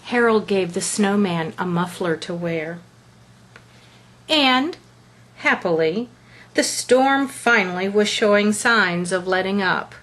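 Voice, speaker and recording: This woman narrates a children's picture book in a medium-pitched voice, shaping each phrase with care and expression, like a storyteller.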